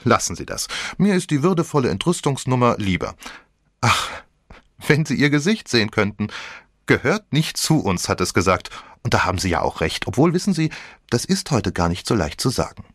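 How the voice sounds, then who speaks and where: A cheeky teenage girl with a raised, lively voice that swoops all over the place, as a male narrator puts her on. She teases and dramatizes everything in an audiobook reading. The sound is close and dry. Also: mid-range voice, a little fast, no room sound, pitched above the performer's own voice. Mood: teasing. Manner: teasing and theatrical. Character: cheeky, flippant girl of about seventeen.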